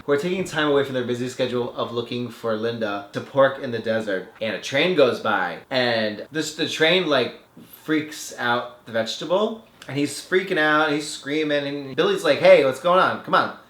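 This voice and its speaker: A man's voice: mid-range voice, expressive, normal speed, fairly bright tone, echoey room. A man hosting a film podcast, recapping a movie in a sarcastic, casual way and acting out the characters.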